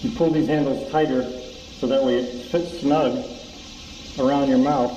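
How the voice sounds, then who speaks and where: A man's voice: mid-range voice, measured pace, reverberant, long reverb tail, dull audio, a little hiss or hum. Man talking through a respirator mask. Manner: relaxed, plain-spoken, many fillers. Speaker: DIY channel host. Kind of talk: casual how-to demo. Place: home garage.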